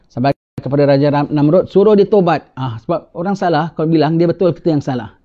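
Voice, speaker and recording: A male religious teacher tells a story in a sermon, animated and chatty. He keeps checking in with his listeners with a quick "ha?". His voice sits a bit high, and the recording sounds dull and lo-fi. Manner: animated, tags lines with rhetorical "ha?".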